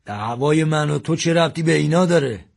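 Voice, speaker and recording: A man's voice: a little high, vocal fry, pitched above the performer's own voice. Man as a stern older man giving curt orders.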